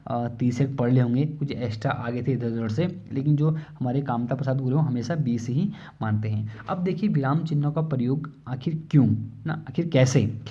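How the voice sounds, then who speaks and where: A man's voice: medium pitch, moderate pace, mellow. A man teaching a casual exam-prep lesson, explaining with many fillers and questions he asks himself. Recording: slightly dull lo-fi recording.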